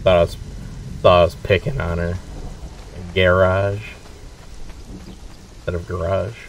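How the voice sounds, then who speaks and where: A man giving relaxed, rambling commentary while streaming a game, chuckling often as he talks to viewers. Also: low-pitched, fast talker, a little hiss or hum. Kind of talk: casual gameplay commentary. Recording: somewhat distant mic with faint game music. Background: faint game music.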